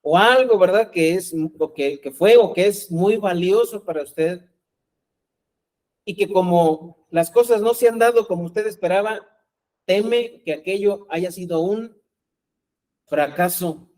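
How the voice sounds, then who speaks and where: A man's voice: sits high, measured pace, a little mellow, rough recording. A man preaching a sermon as pastor, talking conversationally and often asking his congregation rhetorical questions.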